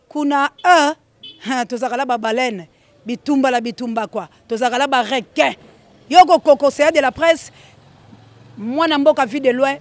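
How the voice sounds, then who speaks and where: High-voiced man calling out shout-outs. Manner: animated, calls out names with bursts of shouting. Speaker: presenter giving shout-outs. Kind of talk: excited on-air dedications.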